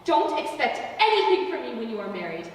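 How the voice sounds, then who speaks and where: Woman acting a haughty, high-voiced old aunt, echoey stage. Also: sing-song, brisk. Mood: cold, scornful. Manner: imperious, indignant. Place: theater stage, recorded from the audience area. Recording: roomy theater, distant mic, faint noise.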